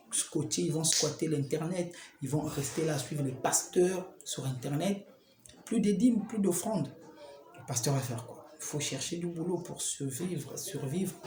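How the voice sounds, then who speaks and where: A man's voice: fairly high pitch, a little mellow. A man with a Congolese French accent giving informal preaching advice, conversational, with rhetorical questions and chuckling asides. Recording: roomy hall with crowd behind.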